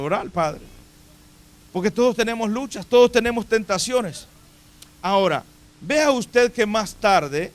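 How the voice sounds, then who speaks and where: A man preaching a sermon in a church, speaking emphatically and putting direct questions to his congregation. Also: high-pitched. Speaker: pastor. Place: church sanctuary.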